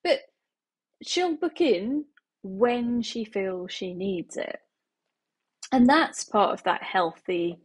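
A woman's voice: medium pitch, husky. A woman in her thirties, a healing practitioner, talking casually to camera from her living room, chatty and laughing often. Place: small home living room, indoors.

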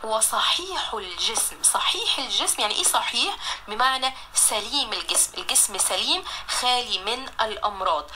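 A woman with an Egyptian accent teaching a recorded primary-school Arabic lesson, drawing words out slowly to sound them out and praising her pupils. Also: on the high side, animated, bright, forceful tone, a little hiss or hum.

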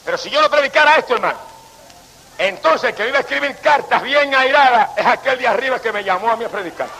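An older man with a Puerto Rican Spanish accent, preaching an impassioned revival sermon, pleading with listeners and shouting out praises. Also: very high-pitched, expressive, quick pace, creaky, poor audio.

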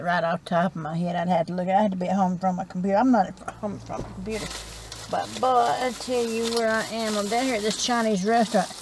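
A woman's voice: mid-range voice, a little hiss or hum. A middle-aged woman with a Southern US accent, chatting in a rambling, folksy way as she eats in her parked car at night, recorded on a dashboard camera. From South Carolina. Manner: rambling, folksy, chats while eating. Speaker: vlogger. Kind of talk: casual chat.

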